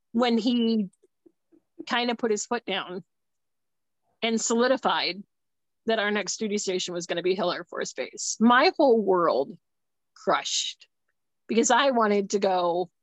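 A woman guest in casual conversation, telling a personal story in an animated way. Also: mid-range voice, slow pace, pauses often, no room sound, low-quality recording. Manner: animated, acts out dialogue.

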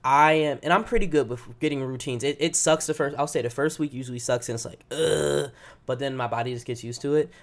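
A young man hosting a casual solo podcast, slightly hoarse, rambling with lots of fillers and frequent laughs. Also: medium pitch. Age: young adult. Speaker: podcast host.

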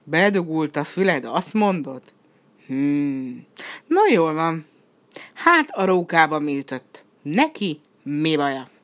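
A storybook red devil who booms and swaggers, quick to anger and sure of his own greatness. He bellows his lines in a low, heavy voice, acted by a woman reading aloud. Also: big pitch swings, fairly bright tone. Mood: suspicious. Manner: booming, swaggering, hot-tempered. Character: boastful loud male red devil drummer.

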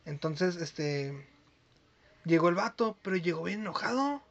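A man's voice: high voice, expressive, gravelly. A young Mexican man with a Mexican accent, co-hosting a podcast and telling jokey stories in casual slangy chat. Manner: joking, quick slangy storytelling. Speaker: podcast co-host. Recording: dull lo-fi sound.

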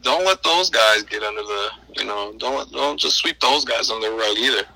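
A man's voice: mid-range voice, moderate pace, gravelly, pushed and bright, dry recording, poor audio. A man talking over the phone as podcast co-host in laid-back, agreeable casual chat.

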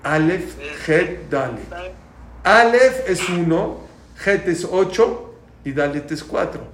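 Taking it slowly in a high-pitched voice, a man teaches a prayer class, explaining points and questioning his students. He stays lively and loudly repeats key points. The recording is echoey with faint background noise.

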